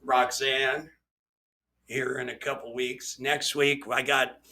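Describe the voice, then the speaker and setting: A man hosting a casual podcast, swearing freely and laughing and shouting often. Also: mid-range voice, level tone, slow pace, a little hiss or hum. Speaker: podcast host. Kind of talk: casual chat.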